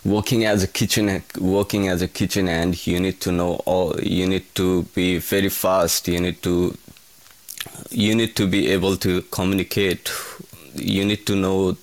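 A young man from Nepal, a kitchen hand answering interview questions in a halting way, often restarting his words. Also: deep voice, flat delivery, no echo. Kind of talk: casual interview.

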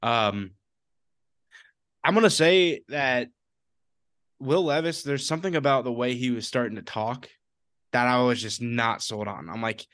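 A man co-hosting a casual sports podcast, jokey and quick to talk over his co-host. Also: mid-range voice, a bit bright.

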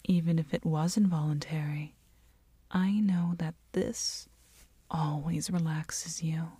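Woman in a slow ASMR role-play, right in your ear. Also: deep voice, steady tone, husky, no room sound, exaggerated voice. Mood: tender. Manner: close-up soft-spoken right in the listener's ear; slow, tender, coaxing. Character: doting, teasing, nurturing girlfriend soothing her partner. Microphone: very close binaural microphone.

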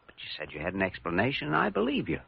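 A man playing an earnest, compassionate young hospital doctor in a classic American radio drama, with a gravelly American voice. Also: on the low side, wildly swooping pitch, racing, full character voice. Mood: earnest, urging. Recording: dull vintage radio recording.

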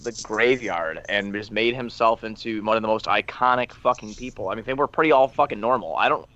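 A man's voice: lowish voice, a little fast, pushed and bright, lo-fi sound, slight background noise. A man hosting a casual sports podcast in a brash, slangy way. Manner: brash, slangy, heavy swearing. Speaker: podcast host.

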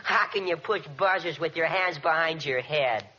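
A man's voice: fairly high pitch, moderate pace, noisy background, lightly acted. A male actor playing a naive, curious teenage son in a 1940s radio sitcom. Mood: eager, curious. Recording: dull 1940s radio recording.

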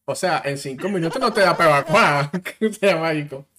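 A man with a Venezuelan accent, co-hosting a podcast in relaxed, slangy casual chat. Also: brisk. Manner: relaxed, slangy, drops to low voice in anecdotes. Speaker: podcast co-host.

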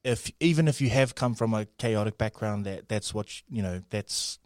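A man's voice: on the low side, normal speed, darkish tone, dry recording, clean studio sound. A man with a New Zealand accent chatting casually and jokily as co-host of a morning radio show. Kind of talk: casual, jokey radio chat.

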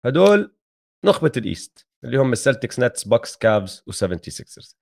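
A man's voice: medium pitch, rapid-fire, gravelly. A man with a Levantine Arabic accent chatting casually about sports as a podcast co-host, with English terms mixed in.

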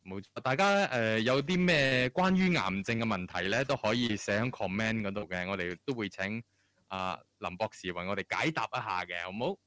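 Animated low-voiced male co-host. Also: normal speed, no echo. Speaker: radio co-host. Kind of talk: casual live radio chat.

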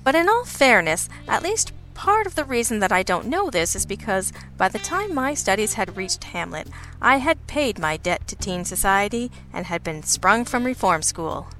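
A woman's voice: medium pitch, big pitch swings, normal speed, fairly bright tone. A woman playing a brash, wisecracking young amateur sleuth who narrates her detective audio drama in a wry, digressive way. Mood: wry, self-assured. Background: music.

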